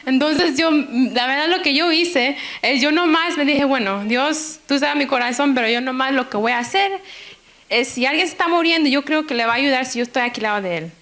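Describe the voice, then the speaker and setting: A woman's voice: high-pitched, brisk, fairly bright tone. A woman preaching in a church, telling a personal testimony with feeling and acting out her own thoughts. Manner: emotional, personal testimony with quoted inner speech. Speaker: guest preacher. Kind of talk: sermon.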